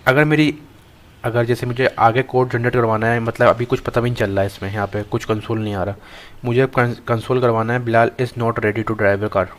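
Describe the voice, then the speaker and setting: A young man teaching a coding class, thinking aloud as he types, with frequent pauses and restarts. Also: medium pitch, fairly even intonation. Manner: thinks aloud while typing, halting with many restarts. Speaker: programming tutor. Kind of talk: screen-recorded coding lesson.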